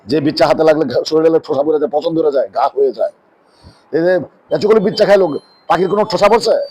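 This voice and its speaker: A man preaching a sermon in a mosque. He asks rhetorical questions and answers them himself, and drops his voice low on key words. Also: fast talker, dark tone, husky, low-quality recording. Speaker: Islamic preacher.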